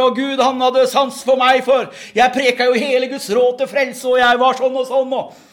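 High-voiced fervent preacher man. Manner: fervent, repeats words, punctuates with amen. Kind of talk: revival sermon testimony.

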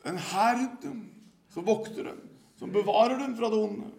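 Older Norwegian man preaching, gravelly voice. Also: high voice, a little mellow. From Norway. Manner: earnest, storytelling. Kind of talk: sermon.

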